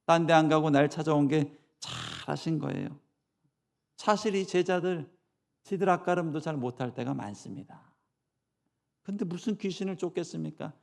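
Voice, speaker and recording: A middle-aged man delivers a sermon as senior pastor. His voice is gravelly and sits a bit high, and it rises and falls in wide, lively swings. He alternates loud, dramatic quotations with hushed asides and calls on the listeners to repeat after him.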